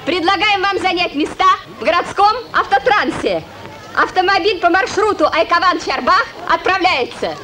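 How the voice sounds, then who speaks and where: An actress playing a zealous Soviet official who makes formal public announcements like an airport announcer in a comedy-drama film. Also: female voice, very high-pitched, expressive, moderate pace, pushed and bright, a little hiss or hum, exaggerated voice. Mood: solemn, official. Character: zealous female Soviet official announcing a village auto service. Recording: outdoor crowd behind the voice.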